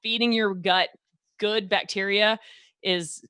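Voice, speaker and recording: A woman's voice: medium pitch, fairly even intonation, slow pace, sharp tone, smooth, no room sound. A woman with a Texas accent hosting a health podcast, chatty and loose, full of fillers and restarts. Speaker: podcast host, doctor. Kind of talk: casual podcast chat.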